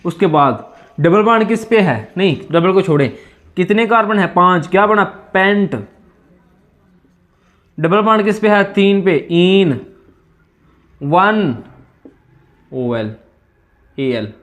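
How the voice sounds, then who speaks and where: A man's voice: high voice, animated, slow, long pauses, a bit bright. A man teaching chemistry in a classroom-style lecture with a sore throat, asking students questions and answering them himself in repeated call-and-response.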